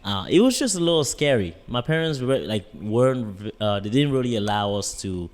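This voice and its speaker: A man in his twenties from Cameroon, a guest on a podcast telling stories in lively casual talk. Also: on the low side, normal speed. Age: 20s. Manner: animated storytelling, lots of "you know". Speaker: guest, bodybuilding coach. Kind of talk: casual interview chat.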